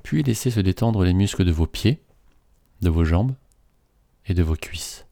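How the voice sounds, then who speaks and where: A man slowly reading a guided relaxation script in a soothing, measured way. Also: low voice, expressive, creaky, dark tone, no room sound.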